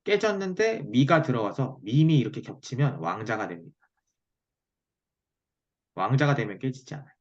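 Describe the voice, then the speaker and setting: Man teaching, lively pitch, dull call audio. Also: moderate pace, pauses often. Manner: checks listener's understanding often. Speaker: fortune-telling teacher giving a lesson. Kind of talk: explanatory one-on-one online lesson. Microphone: video call.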